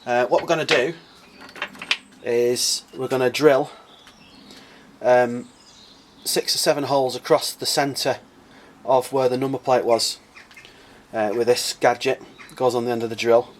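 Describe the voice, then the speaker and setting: A man with a croaky voice, casually explaining a car modification for his vlog, thinking aloud with plenty of uhs and ums. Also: mid-range voice, fairly even intonation, unhurried. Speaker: car modding vlogger.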